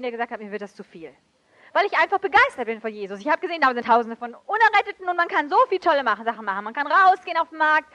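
A woman preaching a sermon with emotive swings between loud outbursts and soft, hushed passages. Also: high voice. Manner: switches briefly into English.

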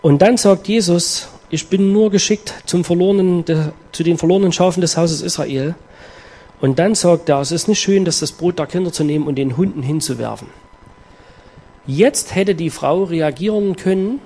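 A male preacher with a fairly high voice delivers a sermon. He reads scripture slowly and earnestly, stresses key words and leaves dramatic pauses before explaining the passage. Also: mellow. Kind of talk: sermon with Bible reading.

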